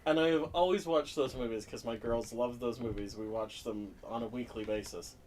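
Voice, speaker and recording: A man's voice: mid-range voice, normal speed, darkish tone, a little hiss or hum. A man with the hiccups chatting playfully as co-host while playing a horror game. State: has the hiccups. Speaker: co-host of a horror gaming show.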